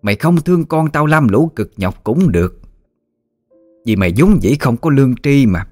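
A man voicing a furious old grandmother who harshly scolds her family in a long, accusing tirade, with lively pitch and faint background music. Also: normal speed, natural voice. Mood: scolding.

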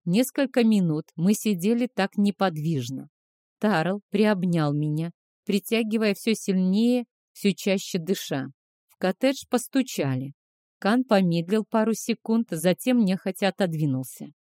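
Woman audiobook narrator, steady first-person reading, dry close sound. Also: mid-range voice, a little slow, dry recording.

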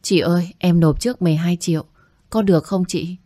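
A woman voicing a humble young medical student who speaks politely and pleads softly, recorded dry. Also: on the low side, steady tone, brisk, no echo, natural voice. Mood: pleading.

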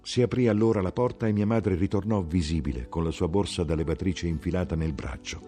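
A man giving a measured, expressive literary reading of a novel. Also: low voice, soft background music. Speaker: audiobook reader. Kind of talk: scripted literary narration.

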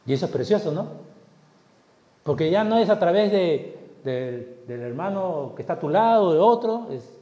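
A male pastor preaches to his congregation with a high, very lively voice, acting out the story and peppering it with rhetorical questions. His voice echoes with a long reverb in a church hall. The recording is dull and lo-fi. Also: normal speed. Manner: animated storytelling with rhetorical questions, acts out the scenes. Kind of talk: sermon.

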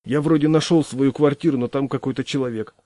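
A man's voice: mid-range voice, steady tone, fairly quick, warm tone, no room sound, studio quality, pitched above the performer's own voice, close to an everyday voice. A man voicing a stranger in a humorous audiobook story, first boastful and tipsy, later polite and hesitant, mumbling apologetically. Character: tipsy, then sheepish polite middle-aged man.

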